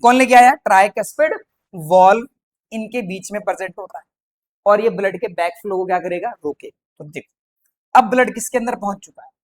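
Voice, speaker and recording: Teacher, male, playful quiz style, rapid question-and-answer patter for exam prep. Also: high voice. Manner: quizzes by asking questions and answering them himself; playful, chatty, mixes English terms into speech. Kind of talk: exam-prep science lecture.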